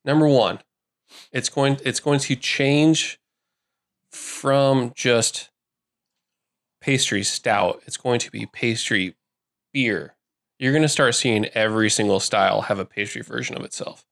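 A man's voice: medium pitch, a little slow, vocal fry, long pauses, a bit bright. A man co-hosting a casual podcast, a brewer who talks in a laid-back way and thinks aloud with rambling restarts.

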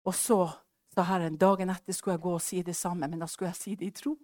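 A woman preacher telling a personal testimony in a storytelling sermon, acting out the dialogue and dropping to hushed asides. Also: lowish voice, fairly even intonation.

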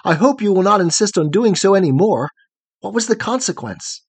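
A man's voice: high-pitched, lively intonation, normal speed, breathy edge, no echo, voice pushed up, heavily acted. Man playing a frightened young hero. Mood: fearful. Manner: anxious, pleading.

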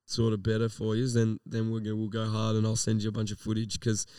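A man's voice: on the low side, monotone, fairly quick, warm tone, clean tone, dry recording, clean studio sound, far from the mic. An Australian man co-hosting a casual live podcast, talking in slangy, laid-back language with plenty of swearing. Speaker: podcast co-host.

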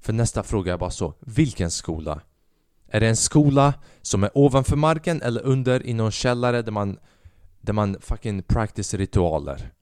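A man's voice: fairly low pitch, lively intonation, darkish tone, clear, resonant tone, no room sound, clean studio sound. A man in his twenties hosting a solo podcast, rambling restlessly, swearing often and mixing in English phrases. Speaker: podcast host. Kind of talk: casual solo monologue.

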